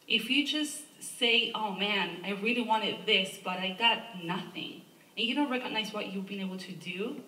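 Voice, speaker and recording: Her medium-pitched voice pushed and bright, an Argentine environmental advocacy director with an Argentine Spanish accent speaks earnestly as a panelist about her advocacy, often ending points with a rhetorical "right?" It's recorded from afar in an echoey museum lecture hall with slight background noise.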